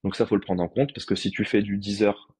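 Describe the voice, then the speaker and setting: Man, physiotherapist guest, casual podcast talk, explains step by step, breathy tone. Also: fairly low pitch, fairly even intonation, quick pace, a little mellow, dry recording. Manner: explains step by step, thinking aloud.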